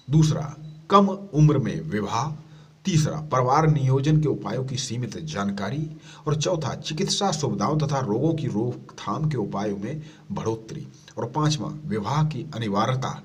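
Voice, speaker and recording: A man teaching an exam-prep lesson, reading each question and then giving the answer in a lower voice, explaining patiently. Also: expressive, a little slow, recorded from a distance.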